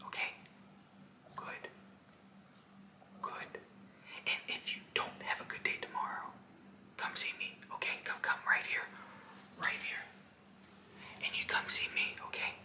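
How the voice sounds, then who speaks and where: Male in his twenties, fast whispering ASMR, very bright and hissy, breathy, aggressive and insistent, roomy sound. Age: 20s. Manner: aggressive, insistent, clipped and repetitive, addressing the listener directly. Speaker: ASMR host. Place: small indoor room.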